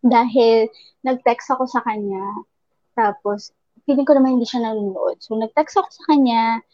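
High-voiced woman venting. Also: fairly even intonation, normal speed, dark tone, dry recording, highs cut off. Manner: venting, mixes English into Filipino. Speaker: radio host. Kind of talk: casual chat.

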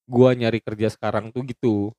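A man's voice: fairly low pitch, level tone, moderate pace, mellow, dry recording. A young man with a Jakarta accent chatting casually in Jakarta slang, circling back to clarify his points.

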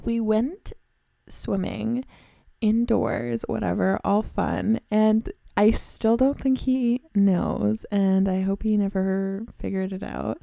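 A young woman hosts her own podcast, rambling through stories in a giggly, self-mocking way. Her voice is mellow and gravelly with plenty of fry. The sound is dry and close. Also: mid-range voice, steady tone, slow pace, dry recording. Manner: chatty, self-deprecating, giggly. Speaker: podcast host. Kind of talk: casual solo storytelling.

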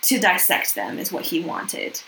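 Young woman podcast cohost, bright voice, laughs a lot, swears, says like a lot, echoey room. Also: lowish voice, sing-song, a little slow, creaky, slight background noise. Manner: laughs often, swears, heavy "like" and "um" fillers. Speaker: podcast co-host. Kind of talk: casual true-crime chat.

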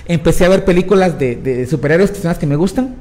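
A man telling a story in an animated, casual way, acting out the voices he quotes. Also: on the high side, fast talker. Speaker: guest.

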